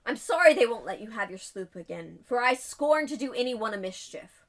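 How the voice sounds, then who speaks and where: Woman doing a proud pirate captain, pompous, declaiming, lively rising and falling pitch, comic podcast bit. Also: normal speed. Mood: defiant. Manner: epic, declamatory scholarly reading. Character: defiant adult male pirate captain, grandly scornful.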